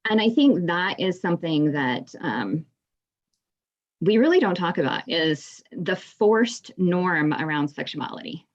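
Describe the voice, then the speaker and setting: A woman's voice: on the low side, lively intonation, measured pace. A woman in the audience of an online discussion, rambling with frequent "you know"s. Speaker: audience member. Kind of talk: casual discussion on a video call. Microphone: video call. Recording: dull lo-fi call audio.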